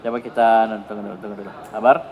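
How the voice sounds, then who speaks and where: A man's voice: lowish voice, level tone. Indonesian teacher drilling his pupils. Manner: prompting questions again and again, brisk and coaxing. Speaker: Arabic grammar teacher. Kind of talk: classroom grammar drill with students. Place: classroom. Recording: dull, lo-fi sound with a long hall reverb.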